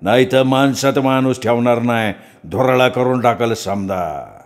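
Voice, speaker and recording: A man's voice: medium pitch, big-room sound, natural voice. A man voicing a possessed priest as goddess. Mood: commanding. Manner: slow, drawn-out, commanding. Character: village goddess speaking through a possessed old male priest. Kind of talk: dramatic storytelling.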